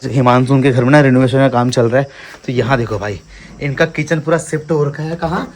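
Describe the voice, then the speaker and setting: A man's voice: medium pitch, fairly even intonation, brisk, a little hiss or hum. A young man casually narrating his family vlog, chatty and teasing, talking to viewers and relatives. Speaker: vlogger and travel company owner. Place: family homes and car, indoors and out.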